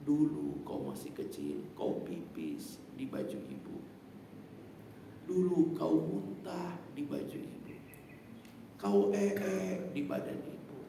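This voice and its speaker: A male preacher voicing an elderly mother who writes lovingly to her daughter, in a soft, slow voice. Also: high voice, big pitch swings, creaky, background noise, heavily acted. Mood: tender. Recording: very echoey hall, mic at a distance.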